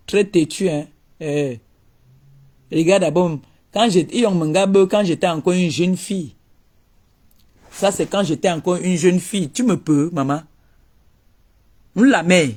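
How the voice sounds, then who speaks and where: Mocking man, rather high voice. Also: darkish tone. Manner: mocking, theatrical, repeats taunts. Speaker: comedian. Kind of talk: comic rant.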